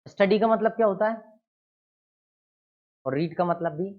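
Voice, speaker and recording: A male teacher giving an exam-prep grammar lesson, asking questions and then answering them himself, with key words stressed loudly. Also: high-pitched, moderate pace, narrow, tinny audio.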